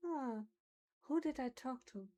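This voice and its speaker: Her voice is high and warm, and she talks a little slowly. A native German speaker with a German accent, she chats informally on a livestream and muses aloud about pronunciation.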